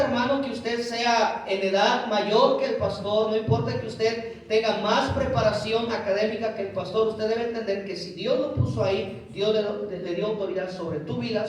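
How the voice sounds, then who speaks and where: A man's voice: high voice, very echoey, far from the mic, a little hiss or hum, poor audio. A man preaching a sermon as a guest pastor, emphatic and often calling his listeners brothers. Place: church hall.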